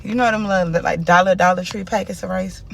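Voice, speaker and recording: Playful woman vlogging over clear street noise. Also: on the low side, fairly quick. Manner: playful, slangy, expressive. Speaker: food vlogger. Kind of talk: casual mukbang chat to camera. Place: inside a car parked on a busy city street.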